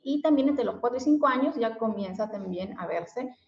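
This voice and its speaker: Animated and fairly high-pitched at a normal speed, a woman from Mexico explains a lesson as a special education teacher. Fillers and tag questions come up often, and the echoey room gives the recording a dull lo-fi quality.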